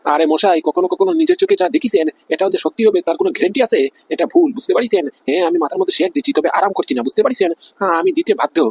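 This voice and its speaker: A man's voice: high voice, wildly swooping pitch, rapid-fire, creaky, a little mellow, slightly rough, no echo, lo-fi sound, heavily acted. A man voicing a panicky, feverish male police officer who takes bribes, whining and flustered in a cartoon comedy. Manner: whiny, flustered, keeps asking "understand?".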